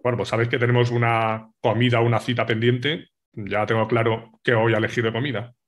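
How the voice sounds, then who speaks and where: A man hosting a podcast, asking relaxed questions with short backchannels. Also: mid-range voice, fairly quick, dull audio. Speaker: podcast host. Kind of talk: casual interview chat.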